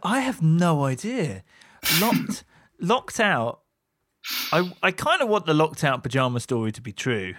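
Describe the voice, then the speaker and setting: A man hosting a podcast interview, asking questions in a playful, animated way. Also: a little high, measured pace, noisy background. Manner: animated, playful, laughs with guest. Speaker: podcast host. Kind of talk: casual interview.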